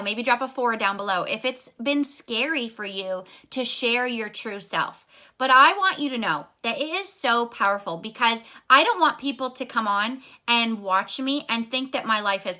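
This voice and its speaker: A woman's voice: a little high, expressive, normal speed, pushed and bright. A young woman giving an earnest, encouraging motivational talk on a live video, speaking straight to her viewers and a little out of breath. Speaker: online business coach.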